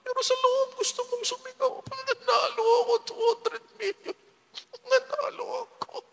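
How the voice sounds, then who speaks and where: A priest acting out a giddy male lotto winner who is frantically trying to hush himself. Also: monotone, fast, slight background noise. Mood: frantic glee. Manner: shrill, frantic, straining to keep quiet. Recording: long church reverb.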